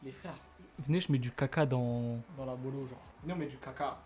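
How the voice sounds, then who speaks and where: Fast-talking young man with crude banter. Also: medium pitch, darkish tone, roomy sound, slight background noise. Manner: fast, crude joking, playful threats. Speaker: guest cook. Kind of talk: casual livestream banter.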